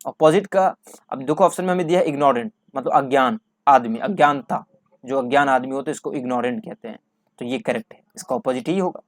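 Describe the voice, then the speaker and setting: A man's voice: medium pitch, a little fast, no room sound, clean studio sound. A male English teacher explains exam vocabulary, asking questions and answering them himself, repeating key words. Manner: repetitive, asks and answers his own questions.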